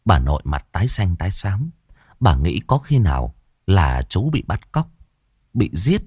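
Male storyteller for a ghost tale; lowish, very animated pitch, dry booth. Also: unhurried, breathy edge, no room sound. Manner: expressive, rises and falls dramatically.

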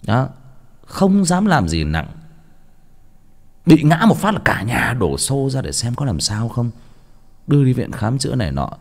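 A man's voice: medium pitch, big pitch swings, measured pace, creaky, pauses often, darkish tone. A young man reading a story as a casual, rambling monologue, often stammering and repeating words. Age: young adult. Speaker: audiobook reader.

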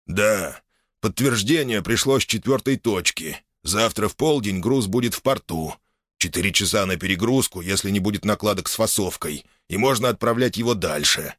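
A man's voice: lowish voice, expressive, normal speed, fairly bright tone, no echo, studio quality. A man voicing an eager, restless young nobleman reporting to his father. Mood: businesslike. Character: young restless boyar's son, eager subordinate.

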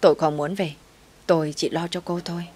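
A woman's voice: sits low, fairly even intonation, brisk, dark tone, breathy edge. A woman reading the lines of an older, kindly housekeeper who speaks humbly and with care. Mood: caring. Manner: humble, caring.

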